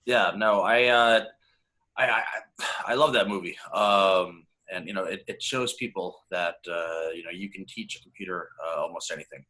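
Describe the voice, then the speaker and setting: A man hosting a casual interview, eager and halting, with lots of fillers as he asks questions. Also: deep voice, bright, forceful tone. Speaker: interviewer, host.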